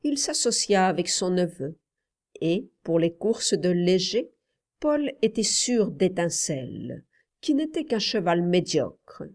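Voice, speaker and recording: A woman reading a story aloud as an audiobook narrator, calm and deliberate. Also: lowish voice. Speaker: audiobook reader. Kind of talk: scripted narration.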